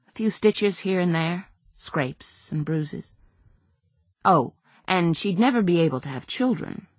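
A woman reads a novel aloud in a measured, subdued way. Her voice is low and husky, recorded dry and close with no room sound. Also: expressive, no echo. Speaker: audiobook narrator. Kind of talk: scripted narration.

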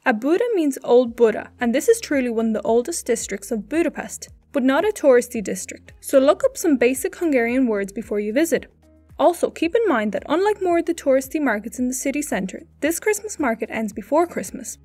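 High-voiced woman narrating a travel video. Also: lively intonation, fairly quick, darkish tone, no echo, faint music behind. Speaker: travel channel host.

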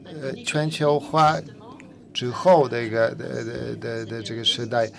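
A man giving a simultaneous interpretation of a panel discussion, halting often with fillers and repeated words. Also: medium pitch, level tone, gravelly, a bit bright.

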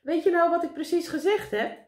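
A woman voicing an anxious, fussy old gentleman who worries and insists on clear instructions. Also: medium pitch, lively intonation, moderate pace, lightly acted. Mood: exasperated. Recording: roomy echo.

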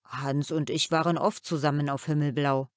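A woman voicing a gentle, thoughtful father who talks calmly and a little sadly, in a children's audiobook. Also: low voice, moderate pace, no echo, clean studio sound, natural voice. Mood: reflective. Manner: calm, reflective storytelling.

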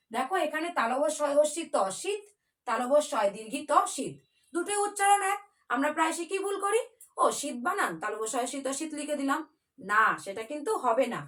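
A woman's voice: high-pitched, a bit bright. A woman teaching a children's spelling class in a patient, coaxing way, spelling words out letter by letter.

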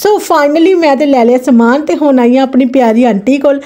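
A woman's voice: high voice, moderate pace, mellow. A woman in her thirties with a Punjabi accent, narrating a casual daily vlog in a chatty, informal, exclamatory way. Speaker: vlogger.

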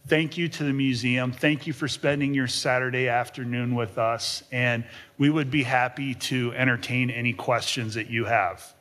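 Seated at a panel table on an auditorium stage, a man gives a lecture and takes audience questions into a table microphone, often saying um and restarting. His medium-pitched, fairly bright voice stays steady at normal speed with few pauses.

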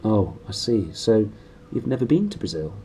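A man with a British accent voicing a polite, quiet, curious young boy in a storybook. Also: on the low side, big pitch swings, moderate pace, a little hiss or hum, low-quality recording.

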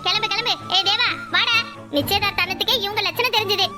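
A woman voicing a scheming, sharp-tongued middle-aged aunt in a cartoon, scolding everyone around her. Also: extremely high pitch, steady tone, fast, over music. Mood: scornful. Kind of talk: cartoon voice acting.

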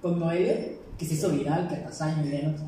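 Male podcast host with a mellow, slightly raised voice who prompts his guest with questions, far from the mic in a reverberant room. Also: on the high side, steady tone, fairly quick. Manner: asks easygoing, prompting questions. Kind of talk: casual chat. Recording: roomy echo, distant mic, noisy.

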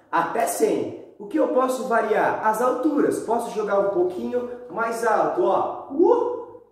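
A man in his thirties with a Brazilian accent, giving a casual, chatty lesson to schoolchildren. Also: sits high. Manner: animated, chatty, addressing pupils directly. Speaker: school physical education teacher. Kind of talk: casual video lesson for children. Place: bare indoor room at home. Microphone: camera a few metres away. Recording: very echoey room, distant microphone.

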